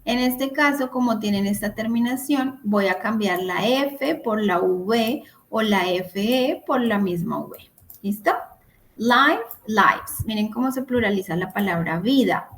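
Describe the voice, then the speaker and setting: A woman's voice: mid-range voice, unhurried, a little hiss or hum. A woman teacher giving an online grammar lesson over a video call, explaining patiently step by step and checking in often with her class. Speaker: English teacher. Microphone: computer mic on a video call.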